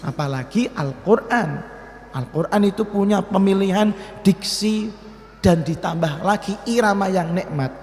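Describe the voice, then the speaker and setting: A man with a Central Javanese accent giving a lively Ramadan study lecture as an Islamic teacher, asking his listeners questions and slipping into Javanese. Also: high-pitched, measured pace. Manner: lively, asks the audience questions, switches into Javanese. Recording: echoey hall with long reverb.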